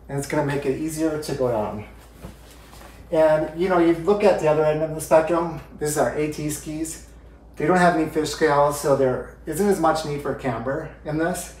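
A man in his thirties walks through how skis work, speaking a little above the usual pitch for a man. He explains step by step while demonstrating, heard from a camera set well back. His voice carries the bounce of a roomy living room. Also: darkish tone, recorded from a distance. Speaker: ski instructor. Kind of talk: home demonstration tutorial. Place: living room by a brick fireplace. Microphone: far camera.

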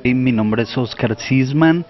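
A man's voice: medium pitch, a little slow, lo-fi sound, over loud music. Chatty Colombian man, magician. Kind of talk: explaining a trick to camera. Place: indoor function room. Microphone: handheld interview mic.

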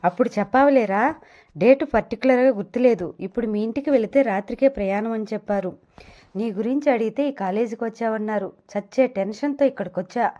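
A jittery young groom-to-be rushes and pleads with his best friend, as a woman narrator voices him. The voice sits fairly high and mellow. An audio novel dialogue, read close. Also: lo-fi sound, lightly acted. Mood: anxious. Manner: flustered, rushing and pleading.

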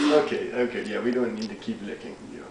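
A man's voice: mid-range voice, a little mellow. A man at home playfully teasing and sweet-talking his dogs. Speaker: dog owner. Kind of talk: casual home video chat. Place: home, indoors. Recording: roomy echo.

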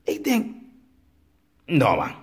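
A man from Suriname with a Surinamese Dutch accent, telling a comic story and acting out the dialogue, with sudden high bursts. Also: wildly swooping pitch, takes it slowly. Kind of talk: storytelling comedy.

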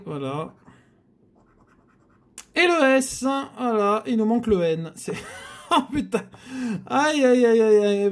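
A man hosting a scratch-card video, chatting casually to viewers as he scratches tickets and groaning at bad luck. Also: high voice.

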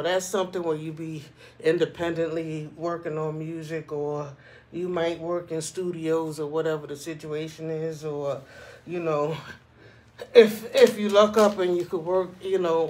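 A man with a somewhat high voice talks casually, as in a personal vlog. He shares his opinions conversationally and keeps checking that the listener follows him. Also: darkish tone, a little hiss or hum. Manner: conversational, frequently checking in with "you know what I'm saying". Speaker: vlogger.

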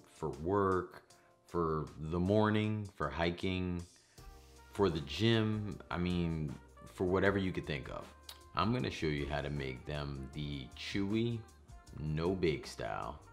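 A man in his thirties hosting a home cooking vlog, talking to camera in a kitchen with playful, jokey asides. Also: rumbling low. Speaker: cooking channel host. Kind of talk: casual talk to camera, then voice-over.

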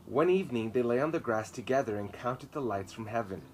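On a garden patio, a seated man in his thirties reads a kids' story with forceful, theatrical phrasing. His mid-range voice is expressive and a little fast, and ambient noise is clear behind it.

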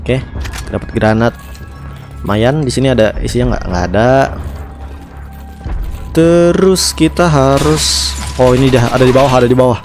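A man's voice: medium pitch, darkish tone. Chatty young Indonesian man commentating a game. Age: young adult. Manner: chatty, repeats words in quick strings. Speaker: gaming streamer. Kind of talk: casual gameplay commentary. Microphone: headset. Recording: game music behind the voice. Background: video game music.

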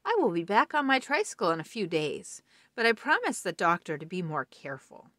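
A woman's voice: mid-range voice, huge pitch swings, fairly quick, fairly bright tone, dry recording, studio quality. A woman voicing a small, friendly, furry blue male monster in a storybook, earnest and a bit formal.

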